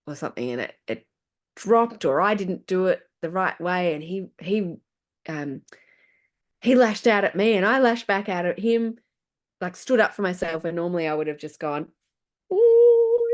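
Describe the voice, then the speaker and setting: A middle-aged woman, a podcast guest, tells a personal story in a relaxed conversational way. Her voice sits on the low side. She talks with animation and breaks into laughter easily.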